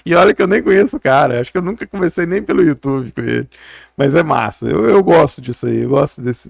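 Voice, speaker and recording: A man's voice: fairly high pitch, gravelly, no room sound, clean studio sound. A middle-aged man, talking casually and rambling to camera, full of fillers and tag questions. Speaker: physiotherapist YouTuber.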